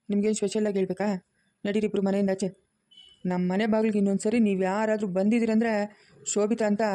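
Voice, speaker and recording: A man's voice: high voice, dark tone, natural voice. An actor in a family web drama playing a domineering man who scornfully orders his relatives out. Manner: scornful and commanding, barking orders. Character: domineering, insulting rural man throwing relatives out. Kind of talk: village family drama acting.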